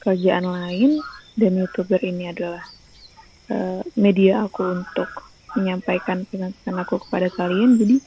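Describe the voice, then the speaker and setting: A woman's voice: mid-range voice, vocal fry, dull audio, slight background noise. A young woman, a teacher and YouTuber, chatting casually in a rambling vlog with lots of fillers, recorded on a phone. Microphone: phone rear camera.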